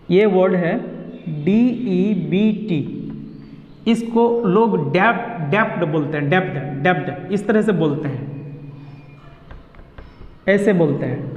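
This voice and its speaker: A man with a high voice gives an online pronunciation lesson, going over each rule slowly and repeating it. The sound is dull and lo-fi. It rings with a long echo, as if he is in a big bare room. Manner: slow and repetitive, explaining step by step. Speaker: English teacher.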